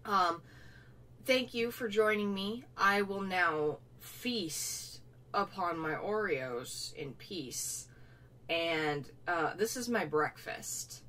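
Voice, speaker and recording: Speaking very slowly in a lowish, animated voice that's bright and forceful, a young woman hosts a laid-back unboxing vlog. She teases herself playfully and at times talks with her mouth full. The audio comes from a distant mic with slight room noise.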